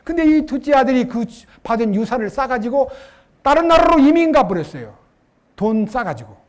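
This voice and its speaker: High-voiced emotional Korean pastor preaching. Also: male voice, very animated, moderate pace. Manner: emotional, acts out father and son in voices. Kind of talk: sermon. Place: church retreat.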